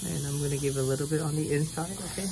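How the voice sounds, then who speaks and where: A woman with a low voice speaks as a dentist guiding a patient through a procedure. Her manner is reassuring. Very loud hissing suction noise fills the recording around her. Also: little pitch movement, very fast. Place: dental treatment room.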